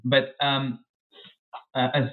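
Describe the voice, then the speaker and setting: Guy in his 30s, mid pitch, talks slow and careful, lots of restarts, sounds like a phone call. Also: level tone. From Peru. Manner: thoughtful, with frequent restarts and hedging fillers. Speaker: guest author. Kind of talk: academic interview. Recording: tinny phone-like line.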